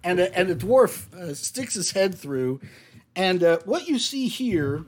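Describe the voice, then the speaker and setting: A man running a tabletop game as game master, talking in a playful, expressive way. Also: sits high, measured pace.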